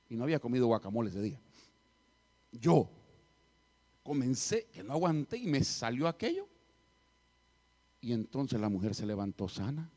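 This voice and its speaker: Delivering a sermon, a middle-aged man serving as pastor recounts a story in a mid-range voice, swinging from booming sections to hushed moments.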